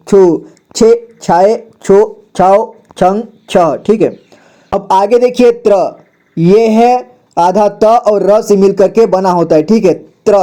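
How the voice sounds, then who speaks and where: Man teacher, high voice, very dark tone, slow syllable drill, repeats each sound twice. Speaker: Hindi teacher.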